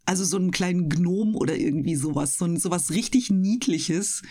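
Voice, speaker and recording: This woman, a streamer and voice actress, chats casually as a radio interview guest, giving thoughtful explanations in youthful slang. She speaks a little fast in a lowish voice with a dark tone.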